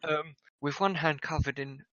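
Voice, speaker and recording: A man's voice: a little high, moderate pace, a bit bright, no echo, lo-fi sound. A man hosting a casual podcast, reading a story aloud and breaking into giggles as he goes. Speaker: podcast host.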